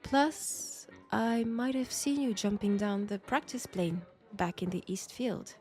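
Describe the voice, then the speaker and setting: A woman plays a mysterious, flirtatious Frenchwoman in 1940s England for an intimate, coy roleplay audio drama, using a French accent. Her mid-range, slightly mellow voice is close to everyday speech, curious and teasing, unhurried and conversational with pauses, over soft background music.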